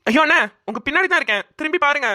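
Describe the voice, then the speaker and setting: A woman's voice: high-pitched, expressive, rapid-fire, over loud music. A woman voicing a friendly young man who offers help in a cartoon. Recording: loud background noise.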